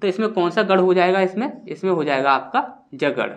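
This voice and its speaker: A man teaching Hindi grammar, explaining step by step, asking questions and answering them himself, and sounding out syllables slowly. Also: sits high, animated. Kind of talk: classroom-style lesson.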